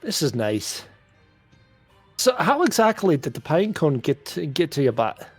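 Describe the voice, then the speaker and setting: Man with a lively, dry voice. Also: a little high, measured pace, husky, no room sound, soft background music. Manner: hesitant, restarts and rambles. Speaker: player. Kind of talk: tabletop role-play chat.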